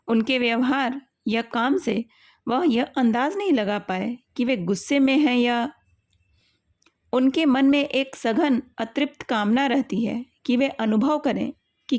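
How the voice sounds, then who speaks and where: A woman narrating a story at an unhurried, measured pace. Her voice sits fairly high and is recorded close and dry, with no room sound. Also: dry recording. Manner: measured, calm reading.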